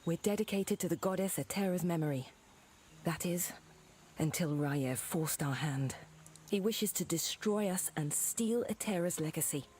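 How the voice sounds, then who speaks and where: Actress as a solemn, low-voiced keeper envoy. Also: female voice, moderate pace, a little mellow, slight background noise, natural voice. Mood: solemn, urgent. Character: earnest, grave female keeper envoy pleading for aid. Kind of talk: scripted video game dialogue.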